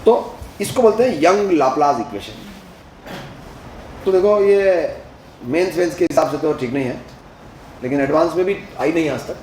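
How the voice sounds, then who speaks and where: A man's voice: a little high, expressive, moderate pace, pauses often, a little mellow, echoey room, a little hiss or hum, low-quality recording. A male physics teacher lecturing at a board, asking the class questions as he works through each step and mixing Hindi with English terms.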